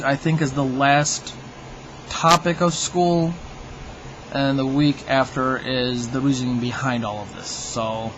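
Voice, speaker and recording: A man's voice: medium pitch, dull audio, slight background noise. A man hosting his own video, delivering a humorous monologue to viewers in a wry, mock-opinionated, tongue-in-cheek way. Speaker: video host.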